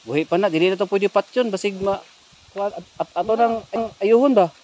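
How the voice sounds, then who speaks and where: A man's voice: sits high, a little fast, darkish tone. A man on a ghost-hunting vlog, urgently giving tense commands to his companions outdoors in a forest. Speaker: ghost hunter.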